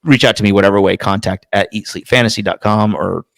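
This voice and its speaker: A man with a lowish, gravelly voice rambles through casual podcast talk, swearing freely as he goes. The sound is dry and close. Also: fast talker, a bit bright, no echo. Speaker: podcast co-host. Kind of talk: casual chat.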